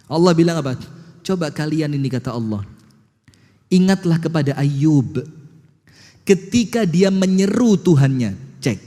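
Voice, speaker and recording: A man preaching a sermon, telling a story rhetorical questions to the audience and slowly chanting verses. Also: a little high, animated, mellow, long reverb tail.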